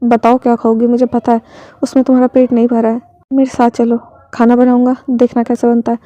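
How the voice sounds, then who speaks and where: A woman voicing a protective older brother who talks softly and haltingly while hiding his grief. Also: on the high side, monotone, no room sound, close to an everyday voice. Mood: gentle. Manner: soft, halting, choked.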